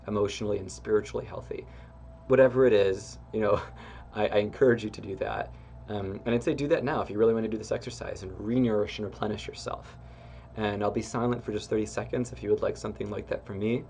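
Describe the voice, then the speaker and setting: A man with a fairly low voice leads a guided self-help exercise as a spiritual teacher. His talk is engaged and expressive, gently encouraging, with easy fillers and small laughs. A faint hiss runs under the recording. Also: vocal fry. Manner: soft laughs and relaxed fillers.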